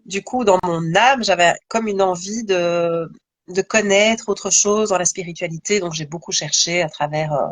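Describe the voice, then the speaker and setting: A woman's voice: fairly low pitch, normal speed, no room sound. A woman, a guest yoga teacher, talking casually and thoughtfully in a live conversation, with many fillers and restarts.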